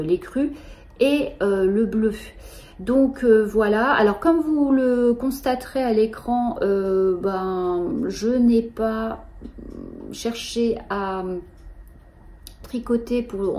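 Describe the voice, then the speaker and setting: A middle-aged woman, hosting a knitting show in a casual, halting way with many fillers. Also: mid-range voice, dark tone. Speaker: knitting podcast host.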